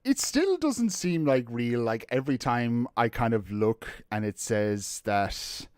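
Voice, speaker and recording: A man's voice: mid-range voice, lively intonation, a little slow, dry recording, clean studio sound. A man chatting casually on his live stream, rambling, swearing freely and greeting viewers by name, a bit out of breath.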